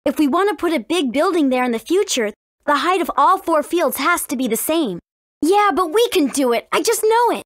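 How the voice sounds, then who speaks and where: In video game dialogue acting, a friendly teenage princess heroine speaks in a high, very animated voice at a moderate pace. She sounds earnest, careful and informative. The recording is dry and close, with no echo.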